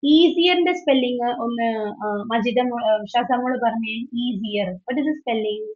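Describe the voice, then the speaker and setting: A woman's voice: a little high, unhurried. Patient woman teacher on a lo-fi call. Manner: patient, questioning, mixes English into explanations. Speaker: English teacher. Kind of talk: online class teaching. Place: online video class. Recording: dull lo-fi online call audio.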